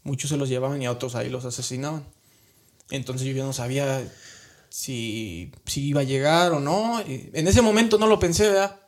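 Speaking at a normal speed with a medium-pitched voice, this Mexican-accented man recounts something personal as a guest. His tone is earnest and emotional, his wording colloquial, and he often restarts sentences and tacks on tag questions.

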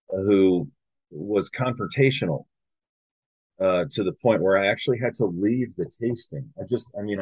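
A man hosting a podcast, telling rambling, animated anecdotes in a casual chat with many fillers. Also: deep voice, breathy edge, no room sound, rough recording. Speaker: podcast host. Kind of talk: casual conversational storytelling.

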